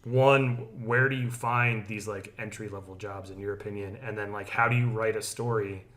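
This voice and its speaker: A man's voice: on the low side, steady tone, normal speed, fairly bright tone. A man hosting a podcast, asking questions in a casual, loose way with lots of "like". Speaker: podcast host, interviewer. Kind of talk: casual interview conversation.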